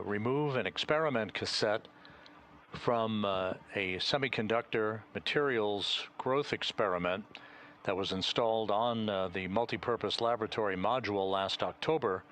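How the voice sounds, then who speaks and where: Male mission commentator, lowish pitch, measured live delivery, slight background noise. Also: fairly bright tone.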